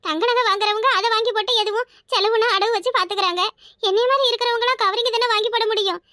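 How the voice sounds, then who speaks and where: A shrill, bright cartoon wife, voiced by a woman, fretting in a rapid, wailing monologue about money she owes. The voice sits very high and races along, and it sounds dry and close. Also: no echo. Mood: panicky. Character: debt-ridden young wife, panicky and scheming. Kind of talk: cartoon voice acting.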